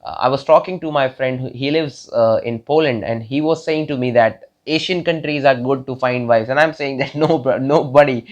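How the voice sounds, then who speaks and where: Young man from India, twenties, casual monologue, stop-start with many fillers, muffled lo-fi audio. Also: medium pitch. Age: 20s. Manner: halting, many fillers and repeated words.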